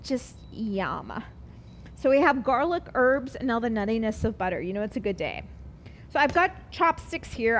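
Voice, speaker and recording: Chatty cooking teacher lady, high voice, talks while she cooks, bit of noise. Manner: chatty, upbeat, explains as she works. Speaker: cooking class instructor. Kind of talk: live online cooking class.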